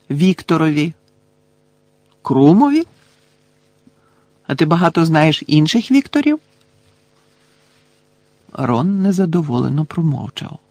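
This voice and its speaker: A man reads a novel aloud in a measured, even storytelling manner. His voice carries a gravelly edge, and the recording is dry, with no room sound. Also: mid-range voice, no room sound. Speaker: audiobook narrator. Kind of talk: scripted narration of a novel.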